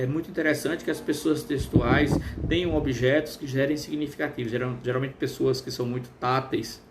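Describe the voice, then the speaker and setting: A man's voice: mid-range voice, noisy background. Chatty man hosting a live stream. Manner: chatty, reads viewer comments aloud with many fillers; trained, smoothed voice. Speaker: live stream host, therapist. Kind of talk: casual live stream talk.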